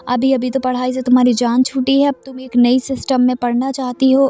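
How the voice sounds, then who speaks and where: A woman voicing an educated, gently teasing middle-aged mother who gives soft, indulgent advice. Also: high-pitched, little pitch movement, natural voice.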